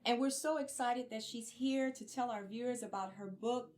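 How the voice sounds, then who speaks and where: A woman's voice: fairly high pitch, moderate pace, a little mellow. A woman co-hosting a talk show, asking questions and affirming the guest in an encouraging way. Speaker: co-host interviewer.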